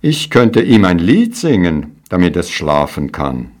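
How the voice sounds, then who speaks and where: A man's voice: low-pitched, sing-song, a little slow, a little mellow, heavily acted. A man voicing a simple-minded male shepherd in a storybook reading, speaking in a raised, hopeful way. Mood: eager.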